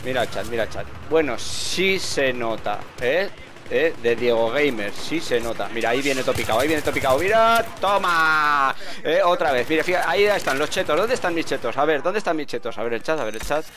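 A man giving mocking, excitable gameplay commentary, repeating words quickly when excited. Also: medium pitch, noisy background. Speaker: gaming video host. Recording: game gunfire behind voice. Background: shooter game gunfire.

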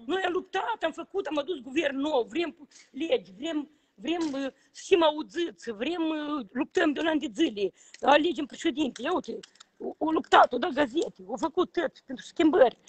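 A man's voice: very high-pitched, animated. A man, filming on a phone at a government building entrance and repeating his complaints with indignation. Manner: indignant, repetitive, exclaiming. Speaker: protesting citizen filming. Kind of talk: heated complaint to camera. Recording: echoey hall, faint ambience.

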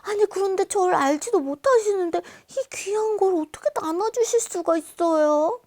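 A woman's voice: very high-pitched, moderate pace, warm tone. A woman doing a hungry, tearful stranger. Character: hungry weak grown-up stranger.

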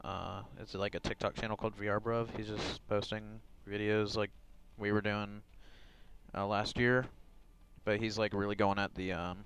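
A man's voice: on the low side, little pitch movement, moderate pace, fairly bright tone, smooth, rough recording. A man streaming, rambling casually with lots of fillers and chuckles into a headset mic.

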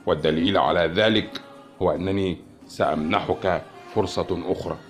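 A man voicing a cold, calm male alien envoy who speaks slowly and quietly. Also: deep voice, soft background music, lightly acted. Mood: cold menace. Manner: cold and unhurried.

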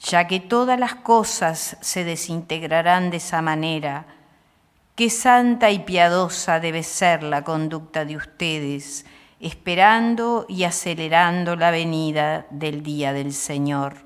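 An older woman reading scripture aloud at a lectern microphone in a small chapel, in a measured liturgical manner. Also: sits low, smooth. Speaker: lector. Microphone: stand microphone at lectern. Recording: long chapel reverb.

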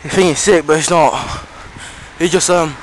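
A man filming on a roadside cycle path, keeping up a bossy, teasing commentary and urging his friend to go faster. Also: a little high, steady tone. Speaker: cyclist filming a bike ride. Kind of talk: casual running commentary while cycling. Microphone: camera held while riding a bike. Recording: wind noise on an outdoor camera mic.

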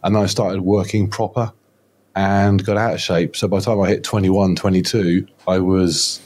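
Speaking at a normal pace in a deep, slightly mellow voice with a flat delivery, a roughly fifty-year-old podcast guest rambles through his story, poking fun at himself and often starting over. The casual interview happens over video call, with him indoors in a home studio using a close mic and headphones.

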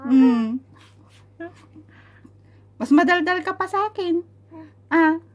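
A young woman teases her baby in playful baby talk, humming and cooing between lines. Her voice sits high and swoops widely, and she takes her time with every word. It's a casual phone recording made at home. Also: lively intonation, slow. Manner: teasing, coos and hums, laughs often. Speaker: mother talking to her baby. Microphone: phone camera.

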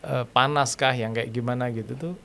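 A man's voice: mid-range voice, fairly even intonation, moderate pace, vocal fry, a bit bright. A man hosting a conversational interview, asking probing questions and murmuring along as he listens. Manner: inquisitive, frequent murmured backchannels. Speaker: host.

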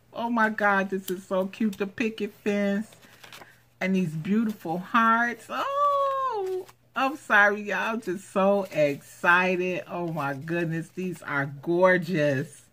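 A woman's voice: medium pitch, takes it slowly. A woman hosting a craft unboxing vlog at home, gushing and exclaiming over each item. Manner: gushing, excitable, repeats exclamations. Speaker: craft channel host. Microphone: handheld camera.

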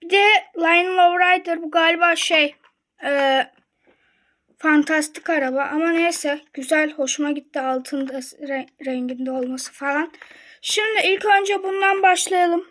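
High-voiced, chatty young woman unboxing toys. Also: a little slow. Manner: chatty and excited, addresses viewers directly. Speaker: toy unboxing vlogger. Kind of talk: casual unboxing chat.

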